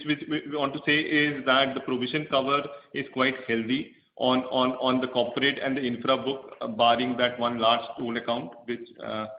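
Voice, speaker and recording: A man with an Indian accent, a finance executive presenting figures on a conference call in a halting, careful way. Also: mid-range voice. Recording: muffled, echoey room with noise.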